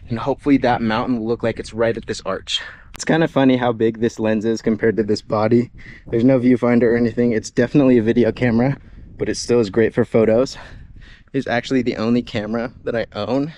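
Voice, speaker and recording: A man's voice: medium pitch, a little mellow, a little hiss or hum. A young man narrating his own outdoor photography vlog, chatty and upbeat, talking into an action camera outdoors while hiking. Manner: chatty, upbeat, explains gear as he goes. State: out of breath at times. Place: outdoors on a desert hike. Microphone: action camera mic.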